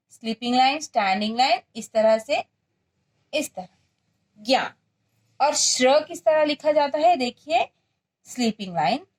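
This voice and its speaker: A woman teacher with an Indian accent giving a first-grade lesson, drilling letters in a sing-song way. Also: sits high. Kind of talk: primary school lesson.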